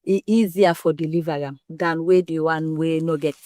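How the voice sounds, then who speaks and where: A woman's voice: low-pitched, fairly even intonation, normal speed, mellow, no room sound. A woman with a West African Pidgin English accent explains things frankly and emphatically in an interview, using everyday comparisons. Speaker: interview guest explaining women's health.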